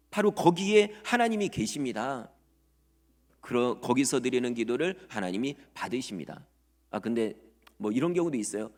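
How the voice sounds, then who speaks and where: A male pastor giving a Sunday sermon, acting out prayers and quoted speech with animated swings in his voice. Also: medium pitch. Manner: lively preaching, acts out prayers and quotes in voices. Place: church sanctuary. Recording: long church reverb.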